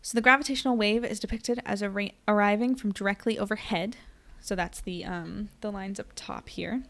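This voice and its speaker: A woman reading a popular science book aloud on a live stream, steady and clear, sometimes tripping over a word and laughing it off. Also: mid-range voice, fairly quick. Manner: drops to a soft mumble when explaining a figure. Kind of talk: reading aloud with casual asides.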